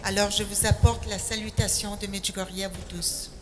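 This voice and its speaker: An older woman from Quebec City with a Québécois accent, giving a personal testimony and telling her story in an unhurried way. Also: mid-range voice, level tone. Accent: Québécois French. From Quebec City, Canada. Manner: slow, unhurried storytelling, sentences often starting with 'alors'. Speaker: speaker giving a faith testimony. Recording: echoey hall with faint noise.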